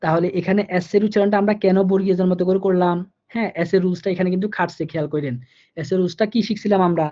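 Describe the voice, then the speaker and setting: Male tutor with a Bangladeshi Bengali accent, mellow and low in tone, patient and repetitive, slows down on the rules, muffled lo-fi recording. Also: fairly even intonation. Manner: patient, repeats rules slowly and asks if students follow. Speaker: German language teacher. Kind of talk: online language lesson.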